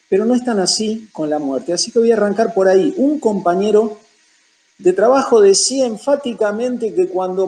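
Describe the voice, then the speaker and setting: High-voiced Argentine man teaching the Bible. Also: mellow, rough recording. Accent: Rioplatense Argentine. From Buenos Aires province, Argentina. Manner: emphatic, lists points one after another.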